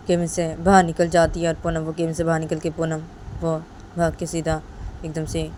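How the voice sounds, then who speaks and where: A woman with a fairly low voice narrates a serial love story, rambling on and repeating names again and again. A faint hiss of background noise sits under her voice. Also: darkish tone.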